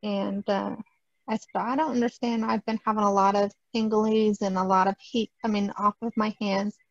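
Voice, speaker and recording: A woman's voice: medium pitch, flat delivery, moderate pace, dry recording, highs cut off. A woman on a video call telling how she learned she was a healer, hesitant and quoting herself. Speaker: guest healer. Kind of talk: casual storytelling.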